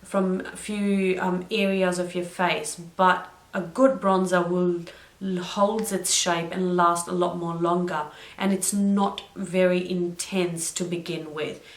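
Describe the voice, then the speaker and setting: A woman's voice: lowish voice, little pitch movement, takes it slowly. A young woman chatting through a makeup tutorial, drifting into side stories and correcting herself as she goes. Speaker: beauty vlogger. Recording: roomy echo.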